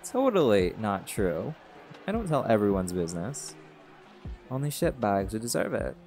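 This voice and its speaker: Very animated and on the low side, a man speaks at normal speed in a scripted audio roleplay. He voices a cocky, easygoing male jaguar shifter who is pack alpha and teases in a laid-back way, with party music in the background.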